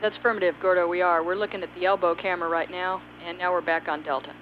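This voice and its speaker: Brisk woman on a crackly radio link. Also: lowish voice, steady tone, narrow, tinny audio. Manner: brisk, clipped replies. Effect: radio transmission. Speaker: capsule communicator. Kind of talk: radio voice procedure.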